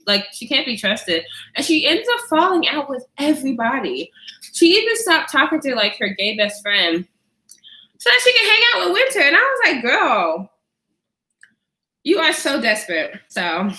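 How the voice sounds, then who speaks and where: Sassy woman vlogger, animated delivery, blunt takes, roomy echo. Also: high-pitched. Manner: blunt, sassy, laughs often. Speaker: vlogger reacting to viewer comments. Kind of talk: casual chatty commentary.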